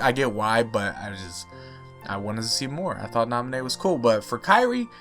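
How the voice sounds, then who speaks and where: A young man giving casual video-game commentary as a YouTuber. He rants with passion and gets louder and higher when he is annoyed. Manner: passionate, ranting, swings loud and high when annoyed. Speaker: gaming YouTuber. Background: faint music.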